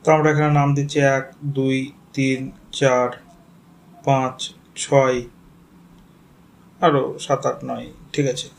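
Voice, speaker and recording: A male teacher with a Bengali accent gives a geography lecture to exam students, explaining step by step, spelling out names and checking in with the class. His gravelly voice is medium-pitched with little pitch movement, and he speaks unhurriedly, pausing often.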